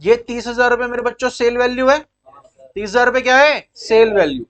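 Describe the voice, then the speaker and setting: High-voiced Indian man teaching accounts. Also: moderate pace, a bit bright, lo-fi sound. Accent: Indian English. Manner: quizzing pupils, repeating key points. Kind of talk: classroom-style lecture.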